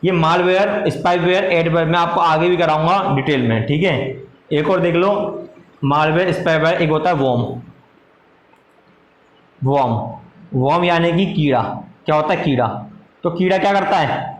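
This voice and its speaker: A man teaching a class, dictating notes slowly, repeating phrases and answering his own questions in a lower voice. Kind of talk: classroom lecture. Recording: echoey room with faint noise.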